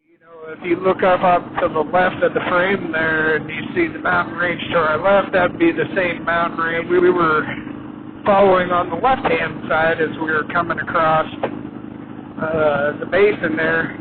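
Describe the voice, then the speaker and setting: Guy motovlogging inside his helmet, kinda higher voice, halting n slow, muffled w road noise. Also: little pitch movement. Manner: halting, unhurried, pausing often. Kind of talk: casual riding commentary. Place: inside a helmet, riding a motorcycle on the highway. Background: motorcycle engine and road wind, loud.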